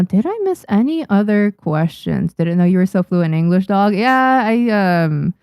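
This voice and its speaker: A woman's voice: on the low side, creaky, dark tone, no room sound, studio quality. A young woman, a native Japanese speaker, chatting casually on a live stream, reading and answering viewers' questions with many restarts and fillers. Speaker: streamer and manga artist.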